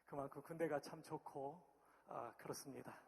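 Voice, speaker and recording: A man's voice: a little high, normal speed, creaky, background noise. A middle-aged man from Chungcheong, a pastor and former army chaplain, preaching a sermon in a friendly, chatty way. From Chungcheong, Korea. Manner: friendly, chatty, cheering the crowd on. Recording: long hall reverb.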